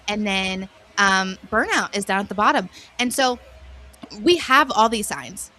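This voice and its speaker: A woman's voice: medium pitch, expressive, measured pace, bright, forceful tone. Earnest woman coaching on stress. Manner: earnest, faith-based coaching tone. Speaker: wellness guest. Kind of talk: conversational radio interview.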